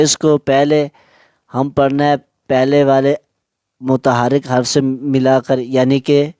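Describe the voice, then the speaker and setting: A male Quran teacher giving a lesson, slowly spelling out letters and syllables, drawn out for learners to repeat. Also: medium pitch, mellow, clear, resonant tone, dry recording, studio quality.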